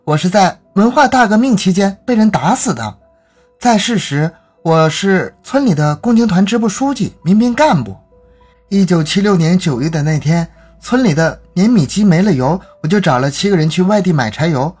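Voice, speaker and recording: A man's voice: high-pitched, expressive, moderate pace, a little mellow, husky, faint music behind, voice pushed up. A man voicing a defiant young boy who insists on his past life, speaking indignantly.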